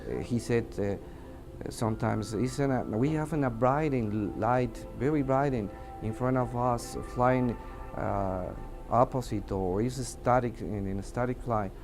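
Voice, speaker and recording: A Mexican man, a native Spanish speaker, gives interview testimony as an air traffic controller, his medium-pitched voice unhurried. His English is hesitant and broken as he searches for words, with music running under his voice.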